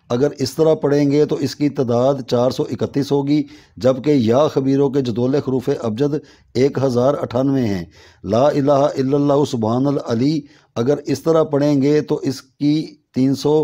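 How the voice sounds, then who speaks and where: Male narrator, dark and mellow, steady measured read of instructions, dull lo-fi recording. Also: medium pitch. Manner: steady, measured reading of long number lists. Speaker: teacher of devotional recitation methods.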